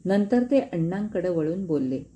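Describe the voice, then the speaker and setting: A woman narrating a story in a measured, expressive storytelling style. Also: lowish voice.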